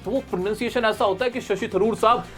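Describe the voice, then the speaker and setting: A man teaching a spoken English lesson on video, lively and drawing out his English examples slowly for emphasis. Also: high-pitched, music in the background.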